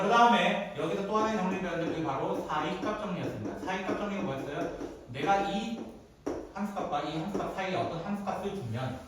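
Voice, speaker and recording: A man teaching a math class, reviewing step by step and answering his own questions. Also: fairly high pitch. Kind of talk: classroom lecture. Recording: echoey classroom from far off, faint noise.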